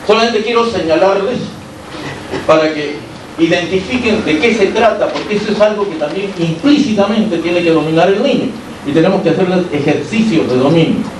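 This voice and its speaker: A man from Peru with a Peruvian Spanish accent gives an academic lecture as a university lecturer. He explains things step by step and keeps checking in with his listeners through rhetorical questions. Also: high voice. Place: lecture hall. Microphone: amplified by a sound system, recorded from the room. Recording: echoey hall, distant mic, faint hiss.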